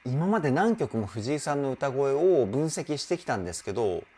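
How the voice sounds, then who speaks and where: Guy vocal coach breaking down a song, voice jumps all over, super animated. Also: mid-range voice, normal speed, husky. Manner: animated, exclaims, sings short demos. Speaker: vocal trainer. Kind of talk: song analysis commentary.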